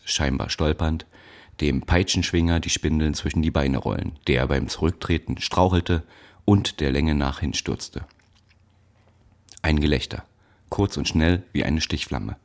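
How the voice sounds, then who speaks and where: A man reading a novel aloud in steady, measured audiobook narration. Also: rumbling low.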